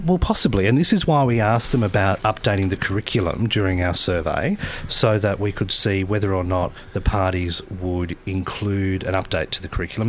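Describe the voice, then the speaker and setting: A deep-voiced man argues his points earnestly on a live radio panel, quick to correct and rebut. A faint hiss sits under the studio recording. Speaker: radio co-host. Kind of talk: casual radio panel chat.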